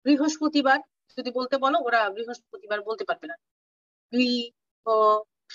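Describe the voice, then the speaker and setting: High-voiced woman lecturing over a call. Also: fairly bright tone, no room sound. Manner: explains terms slowly, mixing English terms, checks understanding. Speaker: medical lecturer. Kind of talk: online clinical class lecture. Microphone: video call. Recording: distant, dull lo-fi audio, dry.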